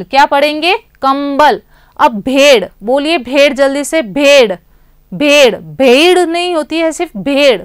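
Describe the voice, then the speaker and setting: High-voiced woman teaching small children. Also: no echo, studio quality. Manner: asks questions and answers them herself, drawing out words slowly. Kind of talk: class lesson for young children.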